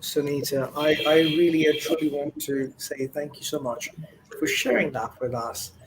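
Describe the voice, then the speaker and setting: A man's voice: a little high, moderate pace, background noise. A man hosting an interview show, effusive and full of thanks, with fillers and restarts. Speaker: host.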